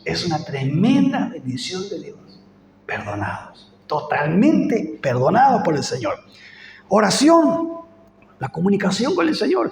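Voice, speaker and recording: High-voiced Argentine pastor preaching. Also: male voice, a little mellow, a little hiss or hum. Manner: fervent, rising to emphatic peaks. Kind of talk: sermon. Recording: echoey hall with faint ambience.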